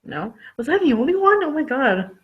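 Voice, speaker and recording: A woman's voice: high-pitched, very animated, a little fast, muffled recording. A woman hosting a live online book discussion, chatting casually and rambling with lots of "like.". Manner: chatty, rambling, says "like" a lot. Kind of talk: casual chat.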